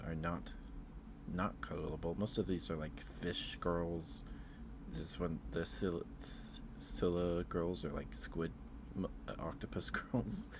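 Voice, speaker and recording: Against a noisy background, a low-voiced man talks close to the mic during an ASMR livestream. His casual chat is hesitant and rambling, and he keeps repeating himself.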